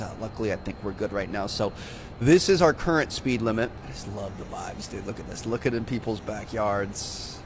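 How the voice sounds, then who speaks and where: A man's voice: mid-range voice, noisy background. Laid-back young man chatting over gameplay. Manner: laid-back, chatty, says "dude" often. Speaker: gaming channel host. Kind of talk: casual gameplay commentary.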